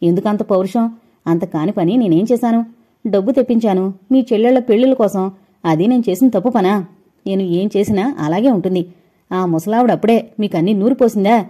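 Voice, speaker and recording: A sharp-tongued young wife hurls scornful, rapid tirades in a loud, mellow voice, as a woman reading an audio novel puts her on. Storybook drama. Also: medium pitch, close to an everyday voice. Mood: furious scornful. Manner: taunting, shouting fast tirades.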